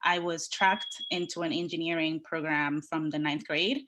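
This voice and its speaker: Low-voiced woman from the Dominican Republic. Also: steady tone, fairly bright tone. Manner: earnest, measured, builds points in lists. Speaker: guest, workforce development leader. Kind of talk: podcast interview, telling her career story.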